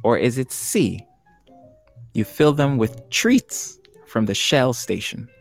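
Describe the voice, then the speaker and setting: A man's voice: mid-range voice, very animated, slow, vocal fry, soft background music. A man hosting an online trivia game show for poets, chatty and jokey, laughing often.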